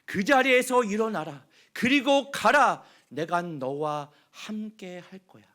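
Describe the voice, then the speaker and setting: A man voicing God, who speaks to Moses in calm, commanding and reassuring words. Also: on the high side, slow. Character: God speaking firmly but gently to Moses.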